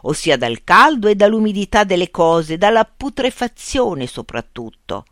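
A reader voicing a grave blind village man who speaks in a measured, solemn way, as an audiobook character. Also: high voice, sing-song, a bit bright, no room sound, clean studio sound, voice pushed up.

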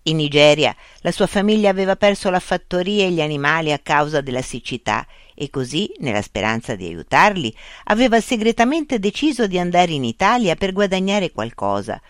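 A narrator reading a story aloud in an expressive, carefully paced way. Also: medium pitch, fairly quick, hardly any pauses, no echo, clean studio sound.

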